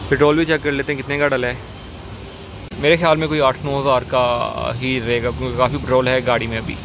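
A man's voice: medium pitch, little pitch movement, fast talker, noisy background. A young man with a Pakistani Urdu accent, vlogging casually to his viewers while driving and stopping along the road. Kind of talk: casual travel vlog narration. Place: in a car and outdoors at roadside stops. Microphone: phone or camera held at arm's length.

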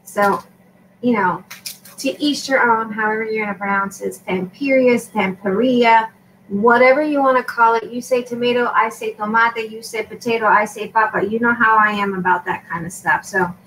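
A woman's voice: fairly high pitch, normal speed, fairly bright tone, far from the mic, slight background noise, low-quality recording. Chatty woman rambling through a craft tutorial. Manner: chatty and rambling, with many fillers. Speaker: craft vlogger and shop owner. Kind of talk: casual crafting tutorial chat.

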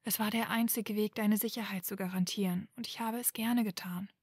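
Woman voicing an earnest young witch, soft and pleading, storybook reading, mid pitch. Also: fairly even intonation, fairly quick, husky, no echo, clean studio sound.

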